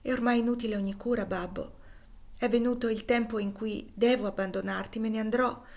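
Woman reading as a frail young girl, gentle, earnest, soft, audiobook reading. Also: fairly high pitch, fairly even intonation, fairly quick, natural voice.

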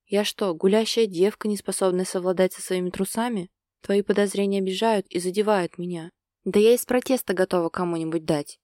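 A woman reading the lines of a sharp-tongued, stubborn young woman, with a sarcastic, teasing delivery, in an audiobook. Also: mid-range voice, a little fast, no echo, clean studio sound, close to an everyday voice. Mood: indignant.

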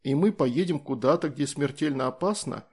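A man doing a loud, eager young boy. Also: fairly high pitch, animated, normal speed, husky. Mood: excited.

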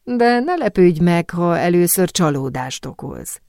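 A woman's voice: lowish voice, very animated, warm tone, no room sound, clean studio sound. Woman reading a suave perfume master. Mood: assured. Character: suave worldly male perfume master guardian. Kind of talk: audiobook character reading.

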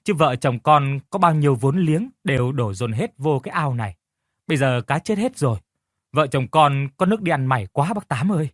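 A man's voice: on the high side, expressive, moderate pace, a bit bright, no echo, clean studio sound. A man voicing a downcast young husband and fish farmer who speaks politely to his elder and snaps at his wife. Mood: deferential. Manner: polite and deferential, flaring angry at his wife. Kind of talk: audiobook character reading.

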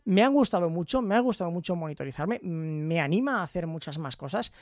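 A man from Zaragoza, Spain, chatting casually into a studio microphone as he reviews his headphones, often tagging his phrases with a quick question. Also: a little high, animated, no room sound. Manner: chatty, tags phrases with "¿vale?". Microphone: studio microphone in front of him.

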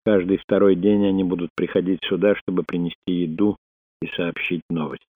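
Grave old sorcerer guy, man reading him, low and slow-spoken, tinny dry audio. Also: flat delivery, breathy edge, dry recording. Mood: solemn. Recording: dry, phone-like narrow sound.

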